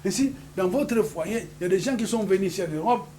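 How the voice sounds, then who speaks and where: Un pasteur originaire du Congo, avec un congolais, prêche avec emphase dans une salle d'église et lance des alléluias à l'assemblée. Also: male voice, sits high, brisk, crowd noise. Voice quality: emphatic, repeats hallelujah to the congregation. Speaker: pastor. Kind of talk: sermon with call-and-response. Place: church hall. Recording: noisy church hall recording.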